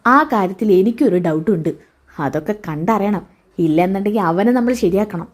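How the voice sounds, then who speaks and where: A woman's voice: medium pitch, animated, normal speed, lightly acted. A woman voicing a hired male thug who answers his boss deferentially and wary.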